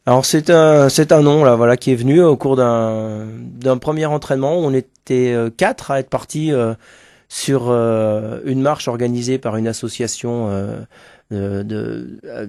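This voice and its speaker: Un homme interviewé à la radio, qui parle spontanément en cherchant ses mots et en acquiesçant volontiers. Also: male voice, medium pitch, moderate pace, a little mellow, dry recording, clean studio sound. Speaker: interview guest, school staff organising a charity walk team. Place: close dry radio microphone.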